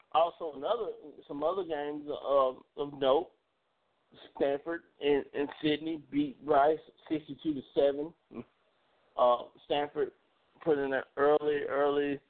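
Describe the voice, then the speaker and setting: A male sports radio host talks in a loose, rambling way, circling back over his own words. His voice sits a little high, and the recording is thin and boxy, like a phone line. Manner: rambling, repeats words, animated. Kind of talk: casual sports talk show. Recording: phone-like narrow band.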